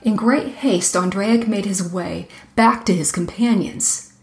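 A woman narrating a folk tale in a measured, expressive reading voice. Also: mid-range voice, echoey room, soft background music. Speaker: storyteller. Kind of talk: storybook narration.

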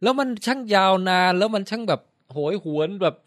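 A man chatting casually about a TV series, retelling scenes in an animated way. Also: high voice, fairly quick, no room sound, clean studio sound. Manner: animated storyteller, acts out lines. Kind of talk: casual chat reviewing a TV series.

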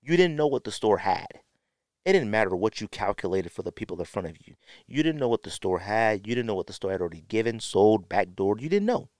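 An American podcast host tells stories in casual, slangy talk, animatedly acting out what people said. His voice is lowish and a little fast. The studio-quality recording has no echo.

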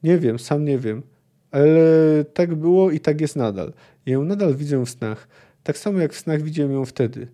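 A man reading the part of an earnest, lovesick young knight, in a calm, plain voice. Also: on the high side, normal speed, lightly acted. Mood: confessing.

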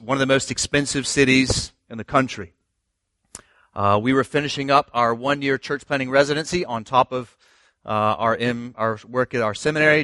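A man's voice: mid-range voice, sharp tone, no echo, clean studio sound. A middle-aged man, a pastor, telling his story earnestly in a sermon with fillers and restarts.

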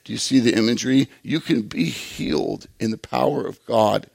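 A man's voice: medium pitch, normal speed, vocal fry, a little mellow, no room sound. A man preaching a sermon in an earnest, conversational way, often repeating words as he goes. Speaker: pastor.

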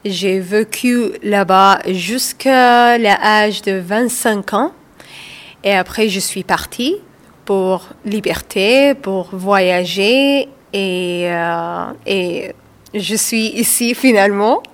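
Woman guest, 30s, from Somalia, non-native French, slow halting delivery. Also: medium pitch. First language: not French. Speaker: guest, author. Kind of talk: radio interview.

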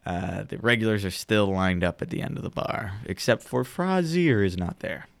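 A man acting as game master, narrating a tabletop role-play game in a relaxed, wry way. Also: lowish voice, normal speed, creaky, dry recording.

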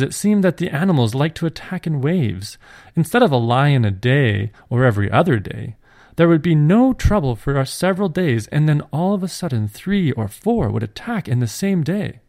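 A man hosting and gently reading a scripted story aloud at a measured pace. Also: a little high, dry recording, studio quality. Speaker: storyteller and podcast host.

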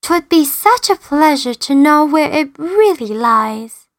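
A woman's voice: sits high, sing-song, slow, dry recording, clean studio sound, pitched above the performer's own voice, full character voice. A woman voicing a sweet, coaxing young princess in a storybook reading.

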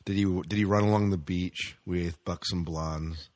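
A podcast host with a deep, darkish, steady voice reads entertainment news in a relaxed chat, speaking unhurriedly and frequently asking his co-host questions. The sound is clean, dry, and studio quality.

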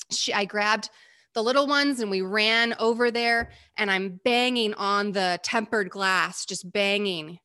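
Bright-voiced American woman telling her story. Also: medium pitch, slow pace, clean tone. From United States. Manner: animated, acts out quoted voices. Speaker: interview guest. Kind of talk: personal storytelling in conversation.

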